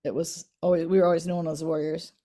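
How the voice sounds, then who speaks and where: A woman in her eighties, reminiscing in a casual family interview, soft-spoken, her voice trailing off quietly at the ends of lines. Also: low-pitched, level tone, quick pace. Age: 80s. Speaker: interviewee, the mother.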